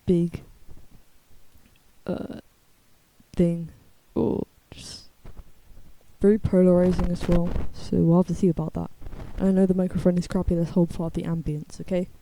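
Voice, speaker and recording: A woman's voice: little pitch movement, a little slow, pauses often, warm tone. A young woman in a casual, blunt, slangy ramble, her speech slightly lisped by the dental retainers she is wearing. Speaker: video creator. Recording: low-quality muffled microphone.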